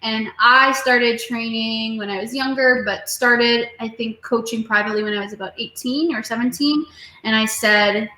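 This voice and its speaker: A woman's voice: fairly high pitch, steady tone, moderate pace, pushed and bright. A woman in her twenties, a music teacher who runs her own studio, talking earnestly and motivationally in a casual video interview, with frequent fillers. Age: 20s. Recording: roomy echo.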